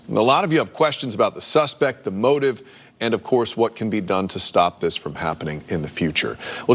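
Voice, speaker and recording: A man's voice: fairly low pitch, fairly bright tone. A man anchoring a local evening newscast, reading scripted news.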